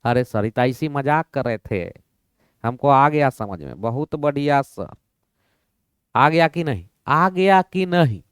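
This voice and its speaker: A man's voice: medium pitch, lively intonation, a little slow, a bit bright, clean tone, no echo, studio quality, pitched below the performer's own voice. A man voicing an eager, respectful male student who keeps praising his teacher. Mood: delighted.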